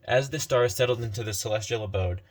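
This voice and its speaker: A man's voice: medium pitch, quick pace. A man narrating a fantasy story as a storyteller, reading unhurriedly and often correcting himself.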